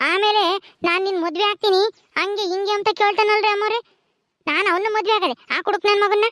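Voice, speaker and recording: A woman's voice: extremely high pitch, steady tone, brisk, fairly bright tone, no echo. A woman with a rural Karnataka accent plays a meek young village housemaid who pleads with her mistress. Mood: confiding. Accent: rural Karnataka Kannada. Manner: pleading, deferential, calls her mistress ammore. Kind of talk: homemade village drama.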